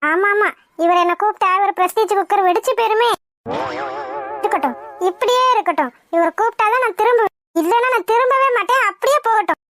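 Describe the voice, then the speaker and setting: A woman's voice: extremely high pitch, quick pace, a bit bright, no room sound. A woman voicing a proud, stubborn young wife in a cartoon, sulking and scolding her husband indignantly. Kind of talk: cartoon voice acting.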